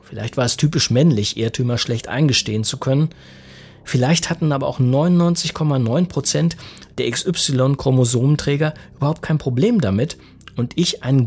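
A man in his forties reading a humorous first-person story in a wordy, self-mocking, deadpan manner. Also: mid-range voice, husky. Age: 40s. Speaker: narrator.

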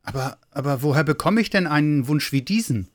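Little excited Santa as put on by a male narrator, high breathless voice, storybook reading. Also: fairly quick, natural voice. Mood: unsure. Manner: eager, breathless and stammering. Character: small excitable young male Santa elf.

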